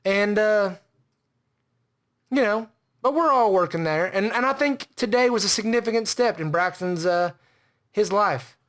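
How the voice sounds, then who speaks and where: A man's voice: high voice, expressive, a little slow, pauses often, fairly bright tone. A man hosting a comedy podcast, rambling and boastful about himself. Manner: boastful, rambling and self-important. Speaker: podcast host. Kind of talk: comedic character monologue.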